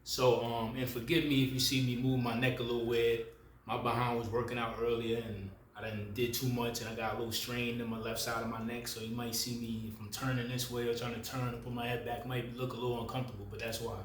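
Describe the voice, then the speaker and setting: A man's voice: mid-range voice, level tone, quick pace, roomy sound, slight background noise. A man, talking casually and rambling to the camera as a spiritual video creator. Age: 30s. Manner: loose, rambling, self-correcting, slangy and familiar.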